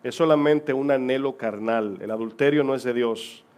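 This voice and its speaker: Male pastor giving a sermon, middle pitch, rises loud then drops soft, lots of rhetorical questions. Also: normal speed, clean tone. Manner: asks rhetorical questions and reads scripture aloud.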